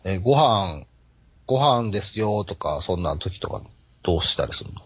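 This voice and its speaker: A man with a Kansai accent in casual podcast chat, animated and teasing. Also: low-pitched, moderate pace, husky, no echo. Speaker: podcast co-host. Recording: dull lo-fi podcast audio.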